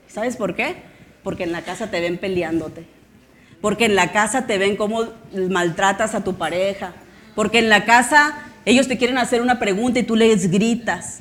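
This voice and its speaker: A woman pastor preaching a sermon with passion, acting out the voices of shouting parents. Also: mid-range voice. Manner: impassioned preaching with acted-out quotes of shouting parents.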